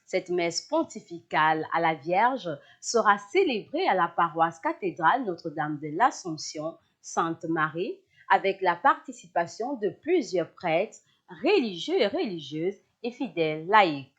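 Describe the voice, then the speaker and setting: A woman's voice: fairly low pitch, sing-song, measured pace, fairly bright tone. A woman news presenter reading scripted narration.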